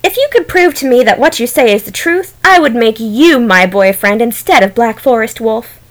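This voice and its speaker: Woman doing proud female wolf, haughty, sceptical, high-pitched, animated. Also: normal speed, close to an everyday voice. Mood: coy.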